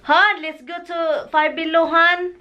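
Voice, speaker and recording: A woman's voice: very high voice, sharp tone, highs cut off, a little hiss or hum. A woman from the Philippines with a Filipino accent, chatting casually and laughing often while vlogging from a car on her phone. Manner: chatty, giggly, exclamatory. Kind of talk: casual chat mixing Tagalog and English.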